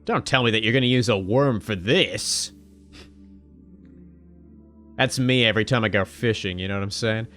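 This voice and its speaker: Soft music plays behind this gaming host as he reads game text at a normal pace, pausing often. He cracks jokes, swears offhandedly and bursts into abrupt, loud, high-pitched yelps during his let's-play.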